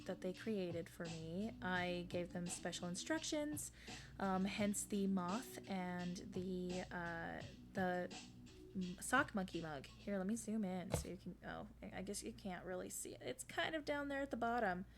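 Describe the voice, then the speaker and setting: A woman streaming live, chatting casually with viewers, rambling and self-deprecating, sniffling, bursting into excited greetings as she reads the chat. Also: on the low side, unhurried, music in the background. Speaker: streamer debuting a virtual fairy-empress persona.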